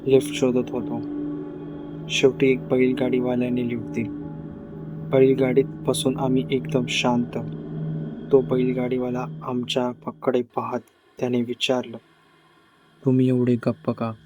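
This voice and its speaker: A man narrating a scripted horror story in a measured, even storytelling voice. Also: mid-range voice. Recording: loud music bed. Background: loud eerie background music.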